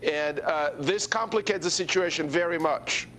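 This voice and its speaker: High-pitched man weighing in on a panel. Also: normal speed, fairly bright tone, a little hiss or hum. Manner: hesitant, with frequent fillers. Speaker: panel guest analyst. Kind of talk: televised panel debate.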